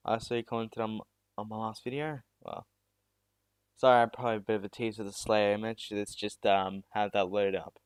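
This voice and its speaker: A teenage boy from South Australia chats casually with viewers on a live stream, rambling, making fun of himself and restarting often. His male voice is lowish, smooth and level, a little fast, recorded on a new USB mic with no echo.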